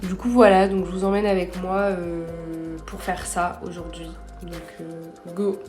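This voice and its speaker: A woman's voice: fairly low pitch, fairly even intonation, unhurried, over music. A young woman vlogging in a casual, chatty way, rambling and poking fun at herself, recorded on a phone camera. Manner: chatty, self-deprecating, rambling. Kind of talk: casual vlog chat.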